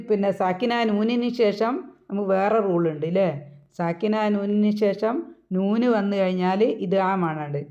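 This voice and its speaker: A woman's voice: on the low side, gravelly, mellow. Patient Malayali woman teaching Quran recitation. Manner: patient, repeats each point slowly. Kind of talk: explaining tajweed rules. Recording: dull lo-fi sound.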